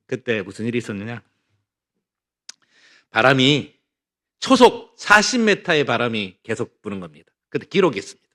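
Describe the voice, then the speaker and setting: A man's voice: medium pitch, normal speed, pauses often. A middle-aged male pastor from North Gyeongsang giving a Bible study sermon, telling stories and asking the congregation rhetorical questions. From North Gyeongsang, Korea. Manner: animated storytelling with rhetorical questions.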